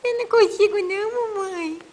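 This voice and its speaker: A woman's voice: extremely high pitch, moderate pace, darkish tone, voice pushed up. A woman voicing her baby girl in whiny, sing-song baby talk, in an echoey room with faint noise. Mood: straining. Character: baby girl straining to grab a toy.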